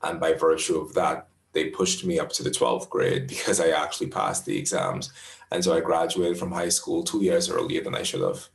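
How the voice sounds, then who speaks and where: Man, 20s, Bahamian accent, very low voice, gravelly, measured interview answers, echoey room. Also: animated. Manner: thoughtful, measured, restarts phrases. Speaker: astrologer interviewee.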